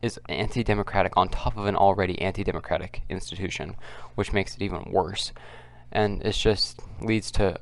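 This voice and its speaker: A man speaks in a quiet, low voice with a gravelly creak. He delivers casual, off-the-cuff commentary as a video host, often halting and circling back to repeat himself. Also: steady tone, dry recording. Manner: kept quiet, subdued because others are nearby. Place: at home, others nearby.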